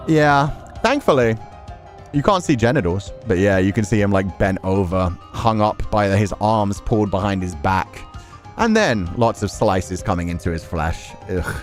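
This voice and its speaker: With faint music in the background, this man reads visual novel text aloud while streaming, tossing out casual, frank reactions and plenty of swearing. He speaks expressively in a lowish voice at a moderate pace.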